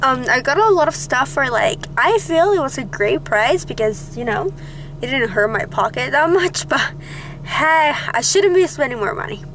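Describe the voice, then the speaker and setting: A young adult woman from Utah, USA, vlogs casually with a high voice at normal speed, full of "like" and "um" and excitable chatter. She films on a handheld camera held at arm's length, first in her car and then in her bedroom, with slight background noise.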